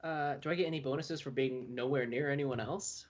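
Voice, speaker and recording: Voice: medium pitch, fairly quick, lo-fi sound. A player joking around in a casual tabletop game session. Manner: joking, playful.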